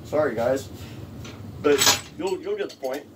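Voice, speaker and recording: A middle-aged man with a slightly high voice and lively intonation speaks a little slowly as he presents a DIY tool-building tutorial. He's casual and plainspoken, repeating his points as he works hands-on in a small, cluttered indoor workshop. A camera a few steps away picks him up distantly, with workshop hum in the background.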